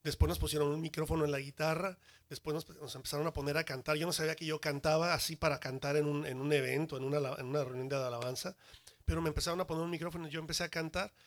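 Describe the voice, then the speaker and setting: A man, a church worship leader, telling his personal conversion testimony in an animated way with humorous asides. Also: on the high side, racing.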